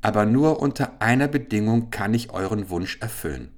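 A man's voice: fairly low pitch, animated, moderate pace, lightly acted. A man voicing a lonely, sorrowful enchanted owl princess in a storybook reading, speaking in a plaintive, pleading way.

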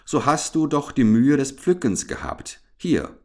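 A man's voice: medium pitch, big pitch swings, a little slow, voice pushed up. A man voicing a kind, courteous young knight speaking graciously to a maid in a fairy tale reading.

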